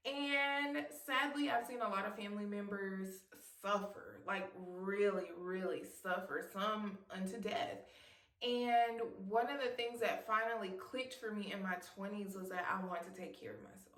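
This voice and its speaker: A woman's voice: medium pitch, steady tone, a little slow, distant mic. A woman around thirty talking heartfelt and casual to her viewers, encouraging them and calling them "girl," laughing at herself now and then. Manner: warm and emotional, laughs at herself. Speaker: vlogger. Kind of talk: heartfelt casual talk to camera. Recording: echoey room, voice off-mic.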